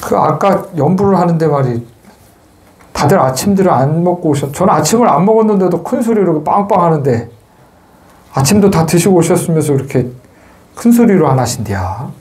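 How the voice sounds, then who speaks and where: A man delivers a temple sermon as a Buddhist monk in a fairly high voice. He talks casually with his listeners and teases them. Now and then he calls out a line loudly to show them how. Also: a little fast. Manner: chatty and joking, teases the listeners, shouts chants to demonstrate. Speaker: Buddhist monk giving a Sunday dharma talk.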